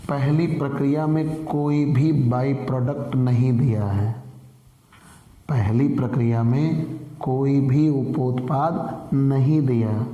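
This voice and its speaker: A man's voice: mid-range voice, warm tone, dull audio. A man with a sore throat teaching a commerce lesson. He repeats key points and asks questions that he then answers himself. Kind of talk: classroom lecture. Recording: echoey room with long reverb.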